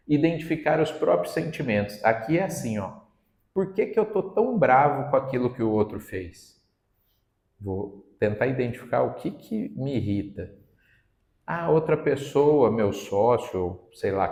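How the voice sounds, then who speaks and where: A man's voice: fairly low pitch, a little mellow. A man with a Brazilian Portuguese accent giving a Sunday talk at a spiritist center, conversational and fond of tag questions. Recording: roomy hall sound.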